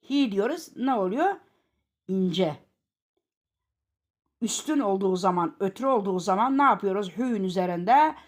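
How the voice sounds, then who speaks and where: A Turkish woman teaches Quran reading at an unhurried, very slow pace. She draws out each example word loudly, repeating it several times, then drops to a quieter explaining voice. Her tone is patient and methodical. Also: medium pitch. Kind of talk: slow step-by-step recitation lesson.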